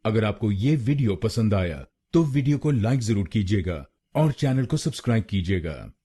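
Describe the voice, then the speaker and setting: A man hosting a pronunciation lesson, speaking slowly and deliberately and repeating each word several times. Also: fairly low pitch, expressive, dark tone, husky. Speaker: pronunciation teacher.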